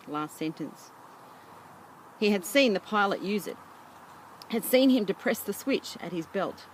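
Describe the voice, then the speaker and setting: A woman reading a novel aloud as its reader, in a plain, steady and unhurried way. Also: on the low side, a little hiss or hum, rough recording.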